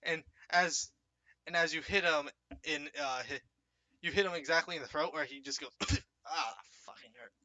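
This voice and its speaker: A man's voice: on the high side, steady tone, moderate pace, sharp tone, no room sound. A young man narrating a tabletop game as game master, hesitant, with many fillers and restarts.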